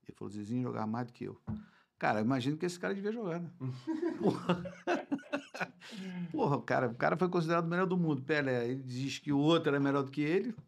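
Speaking quickly and with animation, this Brazilian man of sixty-one, a football club president, pauses often as he reminisces on a casual podcast. His fairly high voice has vocal fry and a Rio de Janeiro accent, and he repeats words to stress them.

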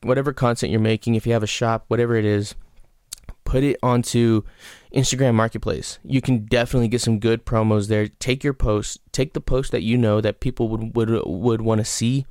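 On his solo podcast, a man with a medium-pitched, slightly mellow, clean-toned voice speaks a little fast with fairly even intonation. He hands out frank, meandering advice with plenty of fillers, restarts, and casual swearing, all while hiccuping, in a clean studio with no echo.

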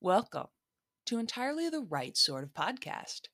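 A woman's voice: on the high side, very animated, normal speed, a bit bright, no echo, studio quality. A woman hosting her own solo podcast from a back room at home, chatty and playful with jokey asides, in her morning voice. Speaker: podcast host.

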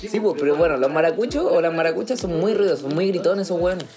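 A man's voice: a little high, fast talker, crowd noise. A young man with a Chilean accent, a podcast guest who jokes, swears and defends himself in casual banter. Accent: Chilean Spanish. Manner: joking, defensive, swears often.

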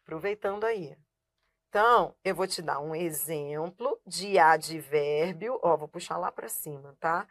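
A woman's voice: deep voice, measured pace. Woman teaching grammar, checking in often. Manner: asks herself rhetorical questions and answers them; keeps checking in with the viewer and says "look" while writing on a board. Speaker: Portuguese teacher. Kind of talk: live online grammar class.

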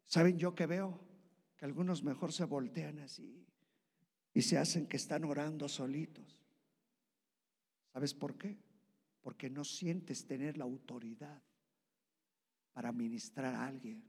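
A male pastor preaches in a high, gravelly, husky voice. He swings from loud, high-pitched bursts to hushed, low asides. The sound carries a long reverb, as in a church hall. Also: fairly even intonation, a little slow, pauses often. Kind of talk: sermon.

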